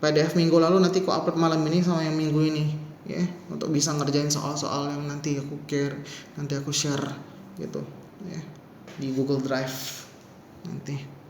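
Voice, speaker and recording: A man with a fairly high voice leads a beginner language lesson, counting character strokes one by one and chatting loosely between them. He sounds roomy and echoey, with faint background noise. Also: level tone, a little mellow. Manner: counts character strokes aloud slowly, casual asides. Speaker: Mandarin teacher.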